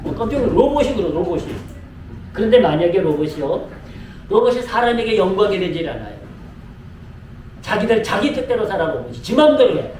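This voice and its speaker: In a church sanctuary, a pastor preaches a sermon to his congregation, repeating himself often and making direct appeals. His voice is high-pitched, very animated and darkish, fairly quick with frequent pauses, captured by an echoey room mic from a distance with slight background noise.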